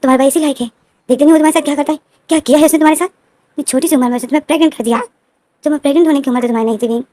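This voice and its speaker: A woman voicing a calm young male friend who soothes and gives step-by-step instructions. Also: high-pitched, very fast, no echo, close to an everyday voice. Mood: reassuring.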